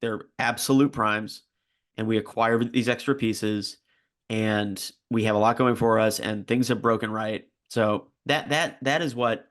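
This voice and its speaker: A man co-hosting a casual sports podcast, talking in a relaxed, hedging way with many restarts and sudden bursts of emphasis. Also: on the low side, measured pace. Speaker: podcast co-host.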